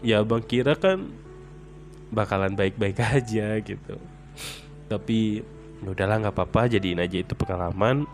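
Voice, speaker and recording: Hurt young man, soft and apologetic, slightly low and quiet, as a storyteller quotes him. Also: normal speed, long pauses, soft background music, natural voice.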